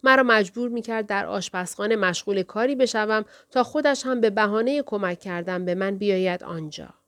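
A woman narrating a novel in first person with a measured, steady storytelling manner. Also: mid-range voice, no room sound. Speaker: audiobook narrator. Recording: dry, close studio recording.

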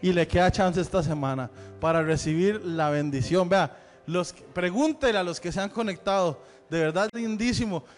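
High-voiced pastor in a reverberant church. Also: male voice, moderate pace. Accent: Central American Spanish. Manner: chatty, joking with the congregation. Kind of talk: church announcements. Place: church sanctuary. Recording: long hall reverb with faint music.

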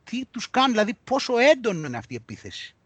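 A man with a high, swooping voice talks heatedly on a podcast. He sounds indignant and mocks what he reads aloud. The sound is dry and close to the mic. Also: slightly rough, dry recording. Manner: animated, indignant, reads news aloud mockingly. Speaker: podcast host.

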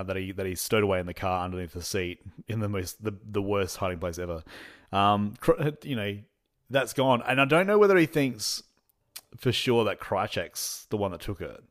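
A man's voice: lowish voice, normal speed. A man hosting a podcast, recapping an episode in casual chat, rambling with lots of fillers and restarts and laughing often. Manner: acts out characters' lines when retelling. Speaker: podcast host.

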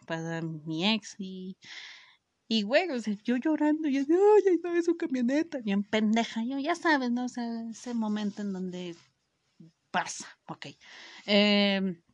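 A woman's voice: medium pitch, no echo, muffled recording. A young woman with a Mexican accent telling a personal story to her viewers in a casual, slangy way, swearing freely and restarting her sentences often. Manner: slangy, full of fillers and swearing; frequent self-interrupting restarts. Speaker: vlogger.

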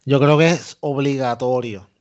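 A man co-hosting a podcast, joking and animated. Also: mid-range voice, measured pace. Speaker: podcast co-host. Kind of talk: casual podcast chat. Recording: dull lo-fi podcast audio.

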